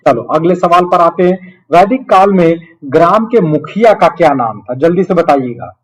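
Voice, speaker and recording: A man with a moderately high-pitched voice teaches an online class. He talks conversationally and explains step by step, as one would to children. He is encouraging and keeps adding little tags to check that his students follow. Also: lively intonation, normal speed, rough recording. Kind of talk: live quiz lesson with students, conversational teaching.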